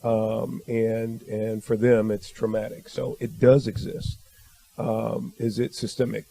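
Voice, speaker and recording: A man with a husky, gravelly voice answers questions on a panel. He speaks in a measured, thoughtful way, pausing on fillers. His tone is dark and rough-edged. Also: lowish voice, little pitch movement. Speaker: panel guest. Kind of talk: panel discussion.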